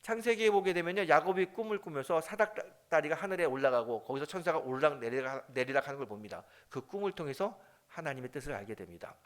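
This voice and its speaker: A man's voice: a little high, expressive, fast. A middle-aged man, a senior pastor, preaching a Sunday sermon and telling a story with acted-out prayers and dialogue.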